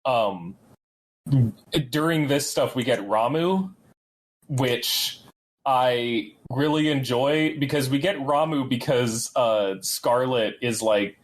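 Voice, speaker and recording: A man's voice: mid-range voice, slow pace, poor audio. Casual man co-hosting a gaming discussion. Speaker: podcast co-host. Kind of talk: casual group discussion of a video game.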